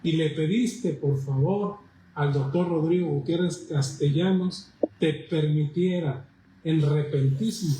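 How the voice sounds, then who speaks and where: A man's voice: on the high side, reverberant, noisy background. A man hosting an interview, recalling memories of his guest and inviting him to share. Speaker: host. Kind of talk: conversational interview.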